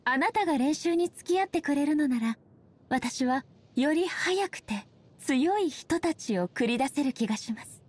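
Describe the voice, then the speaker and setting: The high-voiced, stately Raiden Shogun. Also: female voice, lively intonation. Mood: solemn, composed. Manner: formal, stately, measured. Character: regal, solemn female shogun, a swordswoman devoted to eternity. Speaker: voice actor. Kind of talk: Japanese anime-style game character voice lines.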